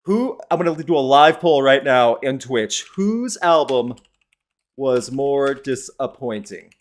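A man's voice: medium pitch, animated, takes it slowly. A man hosting a live-streamed podcast, talking in a chatty, opinionated way and answering the chat as he goes. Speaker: podcast host.

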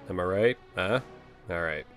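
A man's voice: deep voice, moderate pace, a bit bright, faint music behind. A young man hosting casual let's-play commentary, joking, swearing and offhand as he plays. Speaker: host.

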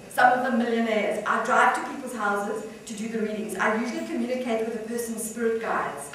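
A woman's voice: a little high, a bit bright, recorded from a distance, slight background noise, natural voice. A boastful, rambling middle-aged psychic man, as a woman reads him aloud, full of himself and never short of words. The storybook reading sits in a very echoey room with the mic well away. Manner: rambling, self-important.

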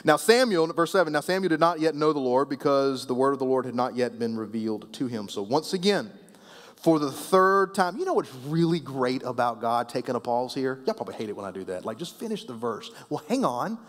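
A man preaching a sermon as pastor, conversational and playful with the congregation, often dropping soft and low at the ends of phrases. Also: animated, a little fast. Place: church sanctuary. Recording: long reverb of a church hall.

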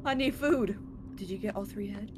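A woman's voice: mid-range voice, normal speed. A woman in casual gaming chat, playful and mock-pleading with friends. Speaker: streamer player. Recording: noisy voice-chat mic.

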